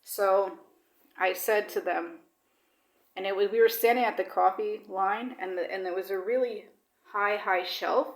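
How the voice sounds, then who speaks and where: A woman with a medium-pitched voice vlogs unhurriedly, rambling through casual personal chat with lots of fillers. She sometimes drops Swedish words into her English, and the recording is reverberant.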